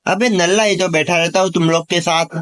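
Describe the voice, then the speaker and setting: A man voicing a servile, touchy bald sidekick who grumbles, in an amateur animated comedy. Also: sits high, fairly quick. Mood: grumbling. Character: put-upon bald servile sidekick, touchy but easily bought.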